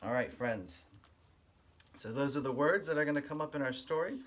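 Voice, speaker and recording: Speaking at a normal pace with a medium-pitched voice, a man who teaches kindergarten gives a lively read-aloud. He breaks ideas down simply for his young audience.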